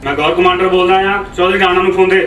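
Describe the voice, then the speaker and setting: A man's voice: high voice, completely flat delivery, rapid-fire, a bit bright. An actor playing a domineering male commander, giving curt orders. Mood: commanding. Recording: echoey, from far off, with music.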